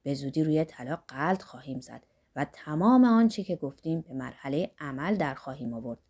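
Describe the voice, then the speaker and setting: A woman's voice: deep voice, expressive, a little mellow, breathy edge, pitched below the performer's own voice, full character voice. A woman voicing an earthy, boisterous older workman, blunt and philosophizing, in an audiobook.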